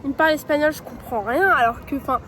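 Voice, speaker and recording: A young woman in her twenties talks straight to the camera in a casual vlog. She is blunt and chatty and full of slang. Her voice sits high, with a faint hum of noise behind her. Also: fast, fairly bright tone. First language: French. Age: 20s. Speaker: student vlogger.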